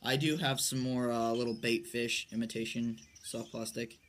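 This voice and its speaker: His pitch barely moving, a young amateur angler, late teens or early twenties, casually shows his tackle without a script, speaking haltingly and low-key and trailing off as he handles items. He's on a covered wooden porch outdoors, recorded by a phone or camera at arm's length amid noticeable outdoor noise.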